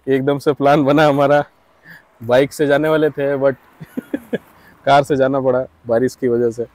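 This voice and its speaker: A man's voice: medium pitch, flat delivery, a little slow, a little mellow, dry recording. A man, chatting cheerfully in a travel vlog, outdoors by a hill road, talking into a hand-held camera. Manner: chatty, cheerful, laughs often. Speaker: travel vlogger.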